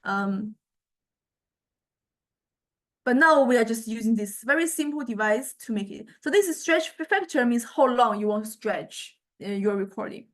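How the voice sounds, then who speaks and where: A woman with a somewhat high voice explains things lecture-style while demonstrating software. She speaks haltingly, repeating words and hunting for the right term, though her intonation stays lively.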